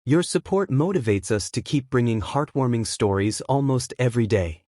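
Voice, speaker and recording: Storyteller casting: man, lively-pitched scripted narration, dry close sound. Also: moderate pace, dry recording.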